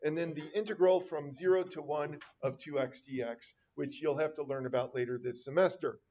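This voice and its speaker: A man's voice: fairly high pitch, steady tone, brisk, warm tone. A middle-aged man teaching a math class, chatting casually with wry, rambling asides. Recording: dull lo-fi classroom recording.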